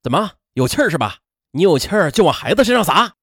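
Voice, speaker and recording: A man's voice: sits high, very animated, fast talker, a bit bright, breathy edge, no echo, studio quality, heavily acted. A man voicing an angry young husband who barks and scolds. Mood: furious. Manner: barking, scolding.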